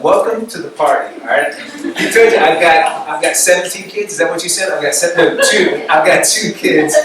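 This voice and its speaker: A man in his thirties, a pastor, telling his conversion story to a student group in animated, laughing sermon storytelling. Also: fairly high pitch, recorded from a distance. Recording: echoey room recorded from afar, noisy.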